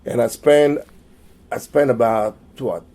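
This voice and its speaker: Taking his time, a middle-aged man from Malaysia recounts his story for an oral history at a medium pitch. He stumbles through many fillers and restarts, and the ends of his phrases grow quieter.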